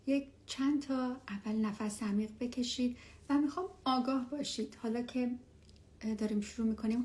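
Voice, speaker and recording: A woman leading a guided relaxation meditation as an instructor, speaking softly and soothingly, often near a whisper, with unhurried pauses. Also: on the high side. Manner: unhurried, with long pauses between phrases.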